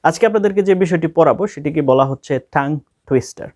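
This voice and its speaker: This man speaks with a Bangladeshi accent in a slightly high, somewhat mellow voice, recorded at studio quality with no room sound. He teaches an English speaking lesson step by step, repeating key words for stress and reading practice lines very slowly and carefully.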